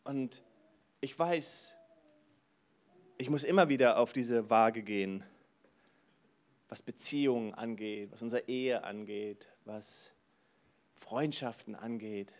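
A man preaching a sermon, animated, moving between soft asides and loud bursts, often exclaiming "wow". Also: mid-range voice, slow pace, long pauses. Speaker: pastor.

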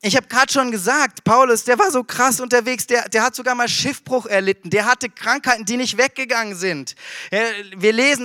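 A man preaching a sermon in a casual, slangy, animated way, dropping English words into his talk. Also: extremely high pitch, no echo, clean studio sound. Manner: animated, emphatic delivery.

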